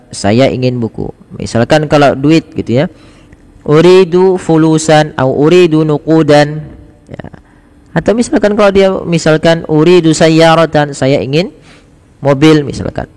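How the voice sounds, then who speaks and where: Man teaching slowly in an echoey room. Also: fairly high pitch. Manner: repeats phrases slowly and clearly, then explains casually. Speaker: Arabic teacher. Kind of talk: casual spoken lesson.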